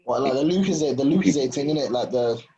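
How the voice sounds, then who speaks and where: A man's voice: medium pitch, expressive, fast, dark tone, breathy edge, dull audio. A young man with a London roadman accent, chatting casually and chiming in with repeated slang agreement. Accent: London roadman (multicultural London English). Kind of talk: casual group chat in street slang.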